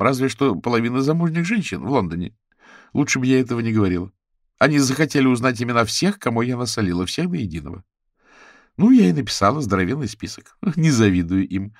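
A man's voice: mid-range voice, dry recording, studio quality, pitched above the performer's own voice, lightly acted. A man voicing a flamboyant, chatty rich socialite woman in an audiobook, in a gushing, theatrical way.

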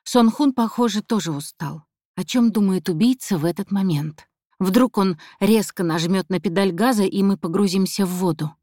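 A woman narrating a first-person thriller audiobook in a calm, measured way. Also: medium pitch, dry recording, clean studio sound.

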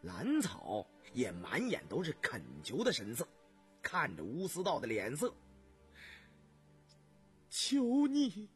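A man narrating a novel on the radio in a measured, expressive storytelling manner. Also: medium pitch, faint music behind. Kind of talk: dramatic novel reading on radio.

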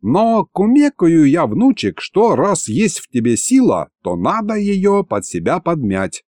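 A man's voice: on the high side, huge pitch swings, a little slow, a little mellow, no echo, studio quality, pitched above the performer's own voice. A man voicing an old grandfather mentor who talks in folksy rustic speech. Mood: folksy scolding.

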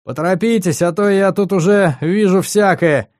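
Man doing injured pilot, frantic, gasping, high strained voice, dry sound. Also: moderate pace, a little mellow, no echo, lightly acted. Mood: panicky. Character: injured male pilot adrift, panicky.

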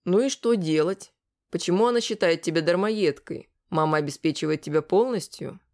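A woman narrator plays a composed young man who speaks calmly and firmly, with a gentle teasing tone. The reading stays in her own lowish voice, as in a storybook. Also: normal speed, natural voice. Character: calm, kind young man, steady and firm.

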